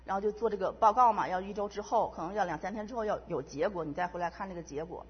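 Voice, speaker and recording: Middle-aged woman, church testimony, husky fast delivery, dull lo-fi mic in a reverberant hall. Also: medium pitch. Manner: emotional, quick storytelling with repetitions. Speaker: church member giving testimony. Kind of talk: personal faith testimony.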